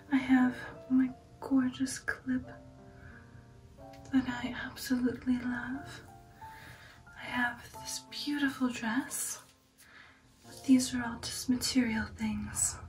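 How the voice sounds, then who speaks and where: Whispering breathily, a woman portrays an aristocratic vampire who is poised and sensual, recounting her past in an intimate, soft-spoken ASMR roleplay. Her fairly high, evenly pitched voice has a darkish tone, genteel poise and slow, sensual pauses, and the mood is yearning and sultry. It was recorded from a distance in a roomy echo with music underneath.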